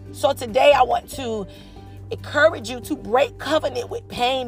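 A woman hosting a personal faith podcast, speaking softly and hesitantly, then rising into fervent preaching. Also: sits high. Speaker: podcast host.

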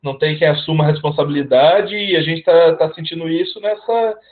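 A man co-hosting a casual sports podcast, halting and repeating words, with sarcastic remarks. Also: on the high side. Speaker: podcast co-host. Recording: tinny phone-like line.

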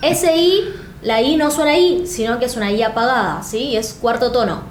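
A woman's voice: fairly high pitch, moderate pace. A woman teaching numbers in a language lesson, drilling each word patiently. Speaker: Mandarin teacher. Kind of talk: instructional video lesson. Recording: echoey room, faint noise, played clip.

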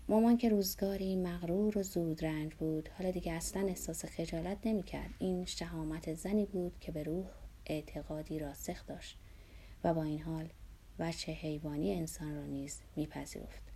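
A woman reading a memoir aloud in a measured, somber way, dropping to a hush at times. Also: low-pitched, steady tone, a little hiss or hum. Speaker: narrator. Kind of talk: scripted narration of a memoir.

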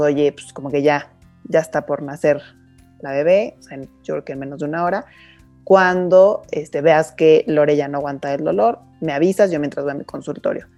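A woman with a low voice tells her story on a podcast, pausing often and reaching for words. Her tone is mellow and warm. Faint music plays underneath. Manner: hesitant, with many fillers. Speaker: podcast co-host. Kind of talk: casual chat.

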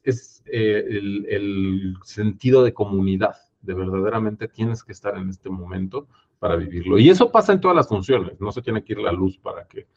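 A man with a Mexican accent, a theater producer in a casual interview, telling stories lively with many fillers and tag questions. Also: on the low side. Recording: dull lo-fi audio.

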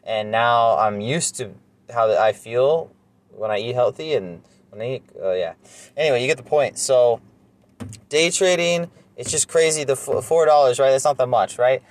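A man's voice: medium pitch, normal speed. A man in his twenties with a nasal voice, rambling through a casual solo monologue with lots of fillers and self-deprecating asides. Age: 20s. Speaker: podcast host.

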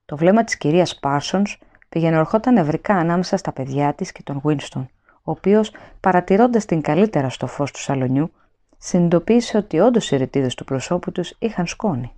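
A woman narrating an audiobook in a steady, even storytelling manner. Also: low voice.

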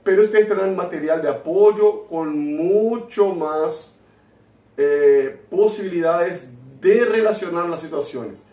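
A man with a high voice teaches an online lesson, laying out each point slowly and pausing to check his students are following. He sits back from the microphone, and the room echoes around him. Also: warm tone, recorded from a distance. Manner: slow, deliberate explaining with frequent "¿tá?" check-ins. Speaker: Spanish teacher. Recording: roomy echo, voice away from mic.

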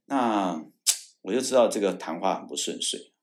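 A low-pitched, fast-talking man from Taiwan, formerly a military judge advocate, narrates a story in a laid-back interview. His words often restart and repeat, and he brings quoted dialogue to life, shouting whenever the lines turn angry.

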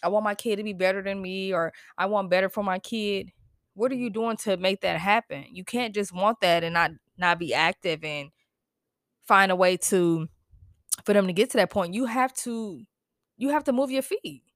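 A woman's voice: mid-range voice, normal speed, fairly bright tone, no echo, studio quality. A young American woman hosting a solo podcast, talking casually but emphatically, with a stuffy, congested voice and frequent laughs. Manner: emphatic, preachy, laughs often. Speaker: podcast host.

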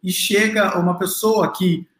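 Lecturer, male, slightly high voice, chatty and explanatory, roomy echo. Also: fairly even intonation, measured pace, a bit bright. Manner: explanatory, addresses the audience directly, many fillers and restarts. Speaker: literature lecturer. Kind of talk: classroom lecture.

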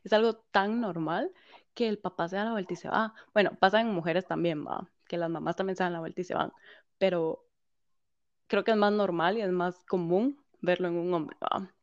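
A woman, telling a personal story as a guest, animated, quoting others and laughing often. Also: on the low side, moderate pace, no echo. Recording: slightly dull, dry.

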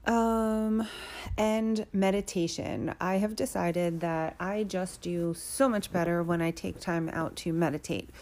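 A woman's voice: mid-range voice, a little mellow. A woman hosting a solo podcast, talking casually and informally about her own life like a personal check-in. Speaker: podcast host.

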